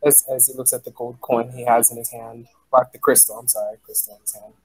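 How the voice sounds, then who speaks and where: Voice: medium pitch, little pitch movement, fast, a little mellow, slightly rough, dry recording, low-quality recording. A player in a tabletop game, hesitant, voicing their character and stopping often to restart. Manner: hesitant, many fillers and restarts.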